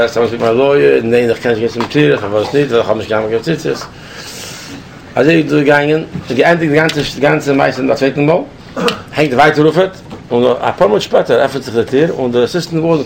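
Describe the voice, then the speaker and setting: A man telling a personal story in a casual, animated way, with many restarts and switches between languages. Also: a little high, creaky, slight background noise.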